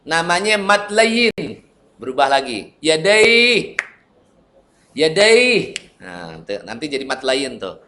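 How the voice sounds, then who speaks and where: A man's voice: medium pitch, expressive, measured pace, pushed and bright, slight background noise. A young man teaching Quran reading rules in a casual lesson, chatting loosely, reciting short examples and often correcting himself.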